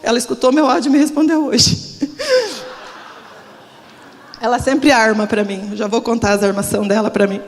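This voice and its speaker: A middle-aged Brazilian pastor shares her testimony, and her slightly high voice trembles with nerves. She speaks from a large church hall, and every word trails off in a long reverb. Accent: Brazilian Portuguese. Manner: emotional, confessional, trembling with nerves. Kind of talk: testimony sermon. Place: church service.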